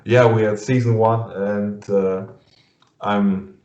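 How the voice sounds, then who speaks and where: Over a video call, an interviewer with a German accent questions his guest in English, stumbling through fillers and restarts and laughing frequently. He speaks with a lowish, level, darkish voice, and the audio is muffled, lo-fi, and echoey.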